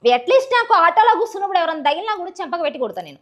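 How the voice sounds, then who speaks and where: Racing along in a very high, very animated voice, this village woman from rural Telangana talks with a Telangana Telugu accent. As a social media personality being interviewed, she is candid, outspoken and full of passion.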